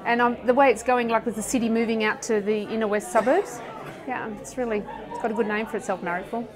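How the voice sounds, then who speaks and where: A fairly high-voiced woman who runs a local business rambles through her answers and often restarts her sentences. There is a busy crowd of voices all around her. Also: steady tone, quick pace. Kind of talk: vox pop interview. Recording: street crowd noise behind.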